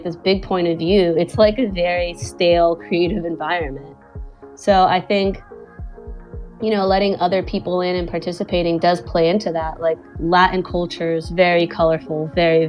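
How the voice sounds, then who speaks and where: Chatting casually in an online audio space, a guest animator and director from Venezuela rambles along, peppering her speech with "like" and "you know." Her voice is lowish with a darkish tone.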